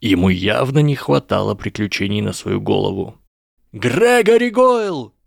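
A man narrating a story aloud in an even, measured way on a close mic. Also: lowish voice, creaky, dry recording. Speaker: audiobook narrator.

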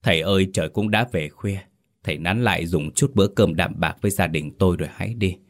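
A man's voice: deep voice, fast. A man voicing a shaken middle-aged father who speaks in a choked, pleading way.

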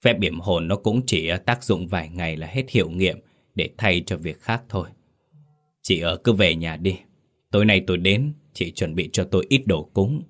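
A man voicing a calm, measured male sorcerer-healer who speaks gravely. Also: sits low. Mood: deliberate.

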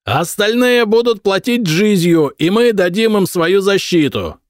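Loud, high-pitched envoy on horseback , man narrator doing it, audiobook, dry sound. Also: animated, a little slow, no room sound. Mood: shouting, demanding. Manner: shouted, high and strained. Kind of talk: audiobook character voice.

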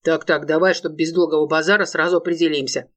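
Brief: crude jealous gangster boss, gruff and slangy, mid pitch, read by the audiobook narrator. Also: level tone, quick pace, fairly bright tone, natural voice. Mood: menacing. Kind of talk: audiobook reading.

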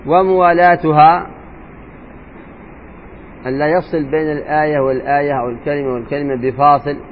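A man teaching jurisprudence as a sheikh, explaining a text and slowly repeating and demonstrating letter sounds aloud. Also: fairly high pitch, level tone. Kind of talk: religious lesson explaining a legal text. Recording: tinny phone-like lo-fi sound with faint noise.

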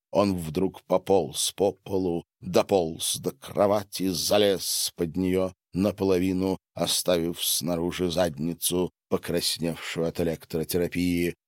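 A man reading a novel aloud as narrator in an expressive, theatrical manner. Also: deep voice, slow pace, hardly any pauses, no room sound, studio quality. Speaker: audiobook narrator. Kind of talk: scripted narration.

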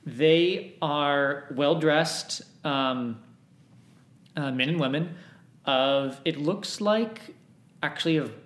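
A man's voice: on the high side, takes it slowly, fairly bright tone. A man acting as game master for a tabletop role-playing game, talking with many fillers and restarts. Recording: echoey room.

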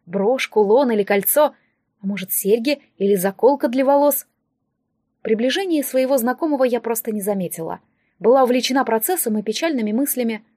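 Expressive woman reading an audiobook. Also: a little high, brisk, dry recording, studio quality. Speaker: audiobook narrator. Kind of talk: first-person audiobook narration.

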